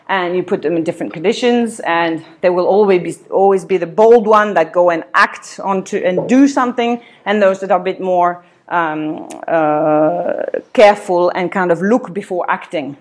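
A woman from Switzerland presents a seminar in an indoor meeting room, picked up by a camera some distance away. Her delivery is loose and hesitant, full of ums and uhs, with frequent small laughs. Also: fairly low pitch. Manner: many fillers, hesitant, laughs often. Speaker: seminar speaker. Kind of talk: academic seminar talk. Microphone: far camera.

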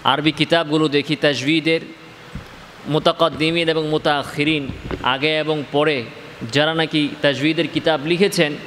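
A man from Bangladesh teaching Quranic letter pronunciation in a slow spoken lesson. He asks his listeners questions, answers them himself, and draws out each letter sound. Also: fairly high pitch, little pitch movement, fairly bright tone, in a large hall, slight background noise.

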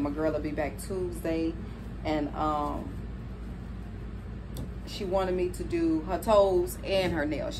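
A woman's voice: low-pitched, background noise. A woman in her thirties with a Chicago accent, chatting casually and colloquially as she tells a story in a vlog. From Chicago, United States. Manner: conversational, colloquial, frequently tags phrases with "you know what I'm saying". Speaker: nail technician vlogger. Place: living room at home, indoors.

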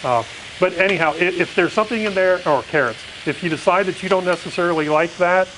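A man's voice: high-pitched, fast talker, background noise. A middle-aged man who owns a restaurant, talking as a guest on a TV cooking segment. He rambles, with many fillers and repeated words. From Pennsylvania. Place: studio kitchen set, indoors. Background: faint sizzling of frying food.

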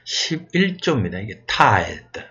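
Male tutor, deliberate unhurried delivery with an animated pitch, Bible exam review, dull lo-fi recording. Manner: reads verses aloud, then sounds out English words slowly.

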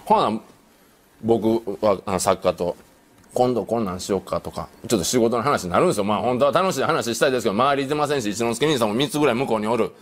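A middle-aged man with a Kansai accent telling a comic anecdote on a panel show, acting out the other people's voices as he goes. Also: mid-range voice. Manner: animated, acts out quoted voices, rapid delivery.

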